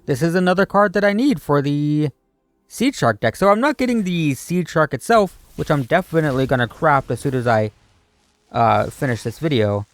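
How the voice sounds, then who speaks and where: A man's voice: on the high side, animated, normal speed, dry recording. Rambling man in a dry, close recording. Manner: rambling, hesitant, musing aloud. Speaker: video creator opening card packs. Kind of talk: casual off-the-cuff gaming commentary.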